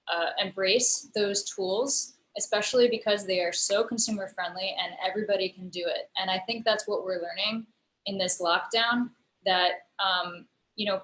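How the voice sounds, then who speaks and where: An American woman, a digital storyteller and musician, is a guest on a remote interview heard over a video call. Her mid-range voice is a bit bright, and the low-quality recording has an echoey room sound. In this casual conversation she explains her work at length, thoughtfully and with many fillers.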